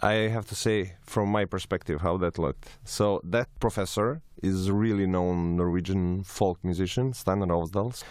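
Man, from serbia, studio guest, lowish voice, dry sound. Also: moderate pace, hardly any pauses, dry recording. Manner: animated anecdotes with hesitations. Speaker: guest musician, violinist. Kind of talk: storytelling in an interview.

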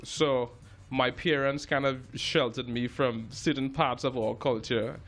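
A man's voice: mid-range voice, fairly even intonation, unhurried, a bit bright. A man, a jazz musician talking casually as an interview guest, often restarting and repeating words. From Trinidad and Tobago.

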